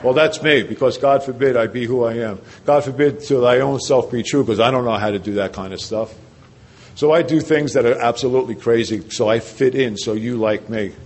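New man at a podium sharing his recovery story, repeating phrases and questioning the room, average pitch. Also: fairly quick. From New Jersey. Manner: earnest storytelling with rhetorical questions and repetition. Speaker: recovery speaker. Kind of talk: personal recovery story told to a meeting.

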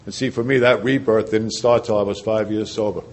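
A man's voice: on the low side, fairly even intonation, fairly quick. Earnest New man telling his story. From New Jersey. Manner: earnest storytelling with rhetorical questions and repetition. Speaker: recovery speaker. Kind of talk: personal recovery story told to a meeting.

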